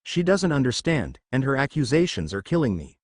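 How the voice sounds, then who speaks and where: A man's voice: medium pitch, very animated, a little fast, no echo, clean studio sound. A man reading a dramatic first-person story aloud with an intense delivery. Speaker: narrator.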